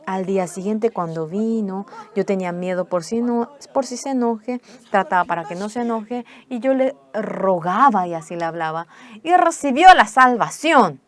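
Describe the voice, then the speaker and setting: A woman interpreting a pastor's sermon, telling a testimony in a measured storytelling way. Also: mid-range voice, lively intonation. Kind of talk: sermon testimony in Spanish voice-over.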